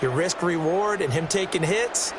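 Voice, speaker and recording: A man's voice: high voice, normal speed, lightly acted. A man playing a TV football color analyst in a video game, explaining strategy at length in a conversational way. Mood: analytical. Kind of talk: sports commentary. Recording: loud crowd and game noise.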